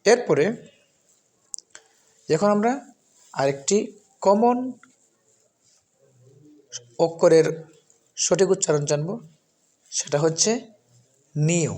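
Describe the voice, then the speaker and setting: Careful slow-talking man teaching. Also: a little high, lively intonation, darkish tone. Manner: slow, repeats each sound with careful stress. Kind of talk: spoken lesson.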